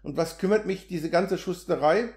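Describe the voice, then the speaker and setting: An impatient male land surveyor, as a man reading an audiobook puts him on, snapping out sharp, exasperated demands in a slightly high voice. The audiobook is recorded in a roomy space with a clear echo. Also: normal speed.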